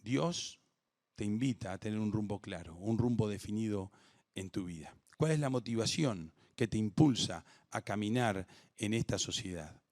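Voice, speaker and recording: A man with a Rioplatense Spanish accent preaching a sermon as pastor, swinging between hushed reflection and emphatic declaration. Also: lowish voice, lively intonation, moderate pace. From Uruguay. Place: home or church for an online service.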